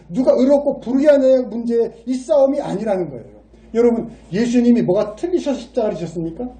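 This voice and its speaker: A man's voice: high voice, warm tone, slightly rough. A middle-aged man preaching a sermon as a pastor, telling a story and asking the congregation rhetorical questions with rising emphasis. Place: church sanctuary.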